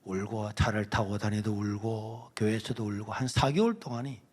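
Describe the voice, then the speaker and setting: A man's voice: on the low side, normal speed, slightly rough. A man, a guest pastor giving an emotional personal testimony in a sermon. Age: 60s. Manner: emotional storytelling, swinging between hushed and loud.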